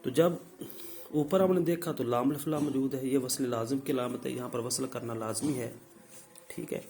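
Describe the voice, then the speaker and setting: A man teaching the rules of Quran recitation step by step, often checking in with his listeners and then sounding out the words louder as examples. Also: medium pitch, steady tone, a little hiss or hum, poor audio. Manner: repeats "theek hai" to check in. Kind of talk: tajweed lesson.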